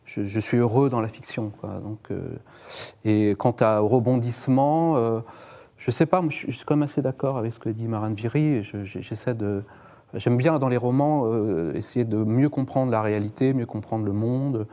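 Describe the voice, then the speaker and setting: A man with a mid-pitched voice and a dark, mellow tone. He speaks modestly and hesitantly on a discussion panel, stopping and restarting often. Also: moderate pace. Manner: modest, hesitant, plain-spoken. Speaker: novelist guest.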